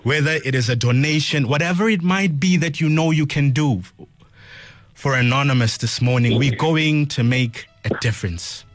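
A South African man hosts a morning radio show in DJ style, his medium-pitched voice moving at normal speed. He speaks earnestly and emphatically, repeating phrases as he appeals to listeners, with music playing under him.

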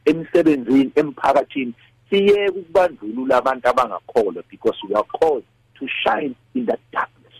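A man's voice: mid-range voice, very animated, brisk, creaky, slightly rough, no echo, poor audio. A South African man speaking devotionally as a discussion guest, moving between English and a Nguni language. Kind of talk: devotional talk.

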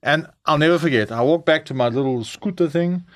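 Speaking briskly in a fairly high voice, a middle-aged man with a South African English accent frankly recounts his personal testimony as an interview guest. The audio is studio-clean, with no room sound.

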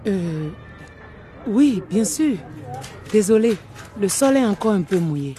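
A woman's voice: medium pitch, lively intonation, takes it slowly, warm tone, faint music behind. An actress playing an anxious, suspicious mother in a radio drama, fretful and questioning. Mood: flustered.

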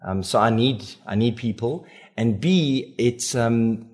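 A man's voice: mid-range voice, slow pace, darkish tone. A man with a South African accent, chatting expressively and casually as an author guest on a radio show. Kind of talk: casual interview chat.

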